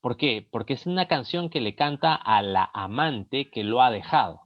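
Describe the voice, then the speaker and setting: A man's voice: medium pitch, moderate pace, dry recording, muffled recording. A man with a Peruvian Spanish accent giving a recorded lesson, explaining each point and reading song lyrics aloud to make it. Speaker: lecturer.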